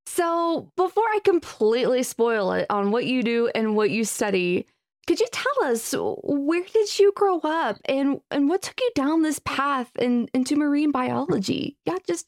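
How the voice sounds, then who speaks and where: Podcast host, woman, high voice, effusive, dry studio sound. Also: no room sound. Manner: enthusiastic, effusive questions. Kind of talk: podcast interview.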